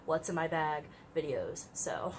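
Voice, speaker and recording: A young woman vlogs from her room, chatting casually to the camera in a low, unhurried voice that sounds slightly congested. She says "like" a lot and laughs lightly now and then, and there's a little background noise.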